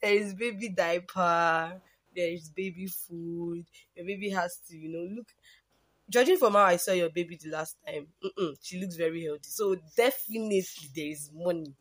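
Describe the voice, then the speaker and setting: A woman's voice: on the low side, moderate pace, no room sound. Chatty Nigerian woman interviewer, dry sound. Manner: chatty, lots of fillers and hums. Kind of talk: casual interview.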